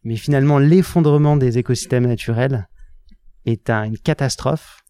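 A man in his thirties speaks in a relaxed interview. His voice is mellow and dark, and the sound is dry and close. He is earnest and halting, stumbling over his words as he goes. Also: mid-range voice, clean tone, no room sound. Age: 30s. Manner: earnest, halting, many restarts. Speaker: guest. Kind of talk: casual interview talk.

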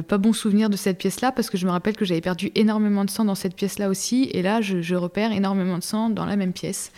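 A young woman giving a personal testimony as a podcast guest, talking casually with many fillers and restarts in a halting, emotional way. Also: mid-range voice, darkish tone.

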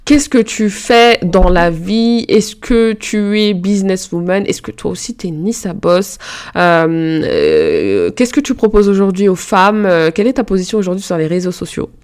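A woman's voice: medium pitch, expressive, measured pace, clear, resonant tone. Effusive woman podcast host. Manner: warm, effusive, religious greetings. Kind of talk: casual interview podcast.

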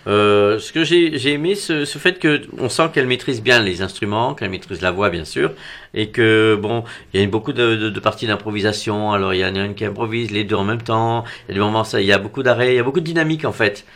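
Gravelly halting male music reviewer. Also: on the low side, fairly bright tone. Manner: hesitant, halting, repeats words. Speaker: music show co-presenter. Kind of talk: casual music review chat.

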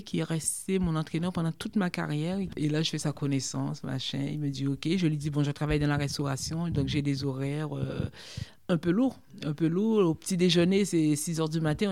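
Chatty woman telling her story. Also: low-pitched. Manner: lively, chatty, full of fillers like hein and quoi. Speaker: former sprinter, interview guest. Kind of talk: storytelling in an interview.

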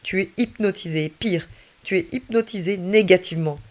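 A woman voicing a cheerful, calm alien boy in a children's story, playful and unruffled. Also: lowish voice, normal speed, close to an everyday voice. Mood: carefree. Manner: playful, unruffled, laughing easily.

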